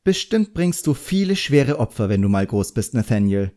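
Voicing a frank, composed drawing teacher, a male audiobook narrator uses his natural voice at medium pitch, mellow yet very animated. The delivery is measured and instructive but curt and pointed.

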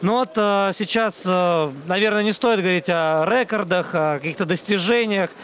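Male MMA commentator, high-pitched, measured live delivery with pauses. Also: a bit bright, a little hiss or hum. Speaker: sports commentator.

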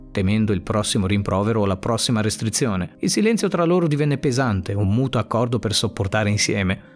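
Guy reading a dark story out loud, voice swinging up and down, soft music underneath. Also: a little high. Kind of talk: scripted story narration.

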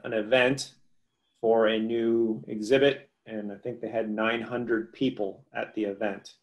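A middle-aged man who works in museum collections, talking at length and with wry opinions on a video call. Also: lowish voice. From United States. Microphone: headset on video call.

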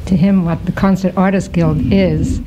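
A woman's voice: fairly low pitch, steady tone, moderate pace. Woman from Latvia, radio guest, bubbly, giggly, hissy recording. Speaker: guest, arts charity president. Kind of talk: radio interview.

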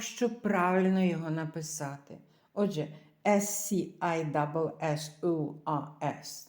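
A woman's voice: medium pitch, mellow, echoey room. A woman teaching English vocabulary in a careful lesson, reading each word, translating it and spelling words out letter by letter. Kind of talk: slow, careful language lesson.

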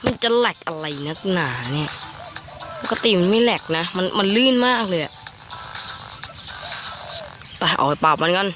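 A man's voice: high voice, animated, moderate pace, pauses often. A young man with a cold, chatting casually and cursing now and then as he comments on his own gameplay. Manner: chatty, swears when frustrated. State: has a cold. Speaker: gameplay YouTuber. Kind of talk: casual Let's Play commentary. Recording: music playing behind.

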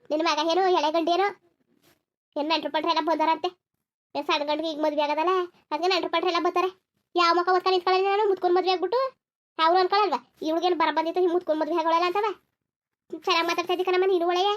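A woman doing a shrill, defiant cartoon village bride. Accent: rural Karnataka Kannada. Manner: scolding, rapid-fire retorts. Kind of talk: cartoon voice acting.

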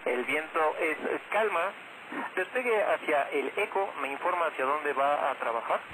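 Mexican air traffic controller on noisy radio. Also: male voice, fairly high pitch, animated, normal speed. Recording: very noisy aviation radio transmission.

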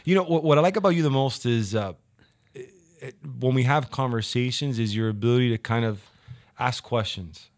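A man's voice: mid-range voice, fairly quick. Upbeat talkative male host. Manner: upbeat, talkative, repeats words. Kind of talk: casual chat.

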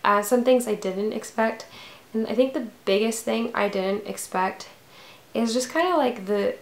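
A woman's voice: fairly high pitch, a little slow, roomy sound. A woman of twenty-one talking casually to camera in a vlog, rambling with many fillers. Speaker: vlogger.

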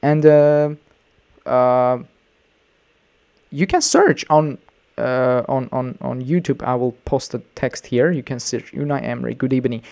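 A male English teacher comments on a video he is reacting to. He talks loosely and rambles, circling back with frequent restarts and filler sounds. His voice sits at an ordinary middle pitch. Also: animated, slow, creaky, darkish tone.

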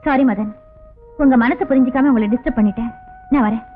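An actress playing a lovesick younger sister who pleads sweetly. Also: female voice, on the high side, fast, natural voice. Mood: hurt. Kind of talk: 1980s Tamil film dialogue. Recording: tinny old film soundtrack with faint music.

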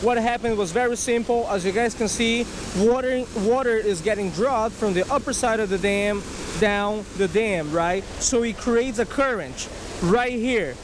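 Beside a rushing creek, a man with a high-sitting voice gives a casual, animated fishing tutorial to camera, often checking in with "right?" and "okay?". He's recorded on a body-worn action camera, and the sound of rushing water fills the background.

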